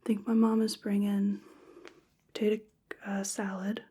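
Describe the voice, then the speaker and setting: A woman in a softly ASMR role-play as a folksy, chatty small-town clinic examiner. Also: medium pitch, little pitch movement, normal speed. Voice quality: soft, breathy soft voice.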